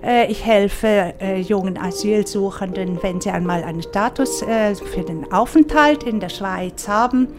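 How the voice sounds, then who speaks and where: A woman's voice: medium pitch, a little slow, hardly any pauses, over music. A woman, a volunteer tutor, speaking hesitantly with many filler sounds in an interview. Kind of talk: interview statement.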